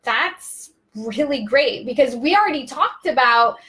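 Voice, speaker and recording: Lady running a live video class, high voice, rattles along super quick and chatty. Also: lively intonation, bright, forceful tone. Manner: rapid, chatty, talks like an auctioneer. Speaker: social media video trainer. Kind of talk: casual live-stream teaching.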